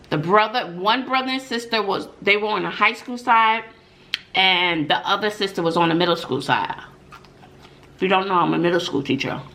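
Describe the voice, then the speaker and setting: A woman's voice: medium pitch, creaky, a bit bright. A middle-aged woman telling stories and opinions casually to viewers, emphatic, with rhetorical questions and frequent mm-mm interjections. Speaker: mukbang vlogger and middle school teacher telling stories. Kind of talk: casual story time and opinion talk to viewers.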